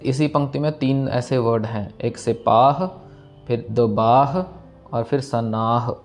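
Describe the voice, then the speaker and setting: A man teaching scripture pronunciation, reciting lines slowly and breaking words down syllable by syllable. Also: mid-range voice, steady tone, darkish tone. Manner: slow, careful, repeats lines syllable by syllable. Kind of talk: step-by-step recitation lesson. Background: faint instrumental music.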